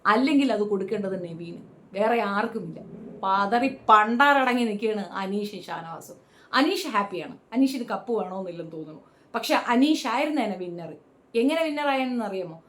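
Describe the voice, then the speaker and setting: A woman's voice: mid-range voice, lively intonation, a little fast, a bit bright. A woman giving a blunt, sarcastic commentary on a reality show, scolding the contestants in a talking-head vlog.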